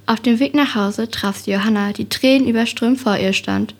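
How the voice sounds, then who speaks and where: A woman reading a children's detective story aloud in a calm, clear way. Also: a little high, moderate pace.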